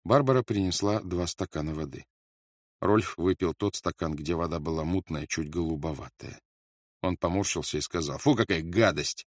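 A man narrating an audiobook in a measured, grave manner. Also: low-pitched, darkish tone, no room sound, studio quality.

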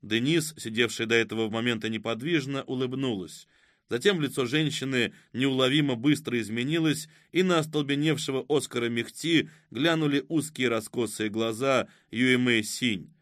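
A man reading an audiobook in a measured storytelling manner. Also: medium pitch, a bit bright, no room sound, studio quality. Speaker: audiobook narrator. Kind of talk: scripted narration.

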